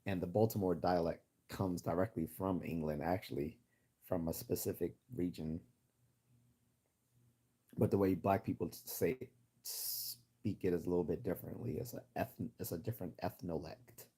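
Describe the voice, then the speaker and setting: Hosting a livestream, an American man with a generic Midwestern accent chats casually and shares his opinions. His voice is deep, husky and mellow, steady in tone and moderate in pace.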